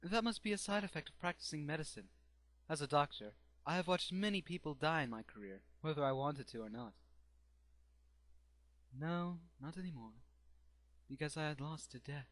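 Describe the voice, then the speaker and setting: A man's voice: on the high side, animated, normal speed, pauses often, fairly bright tone, dry recording. A man playing a grieving, obsessed doctor turned necromancer in a theatrical, brooding anime fandub monologue. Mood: solemn, intense.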